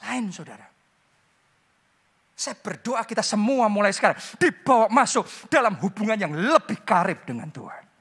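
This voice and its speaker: A preacher delivering a sermon in a very lively voice. The pitch climbs and falls all over, and the delivery swings between hushed asides and loud, emphatic repetitions. Short English phrases slip into the preaching now and then. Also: normal speed, slightly rough. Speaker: pastor.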